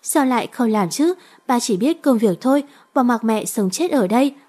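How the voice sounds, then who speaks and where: A woman's voice: a little high, expressive, normal speed, darkish tone. Woman reading as a bitter young boy. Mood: pleading. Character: seven-year-old boy, grieving and bitter.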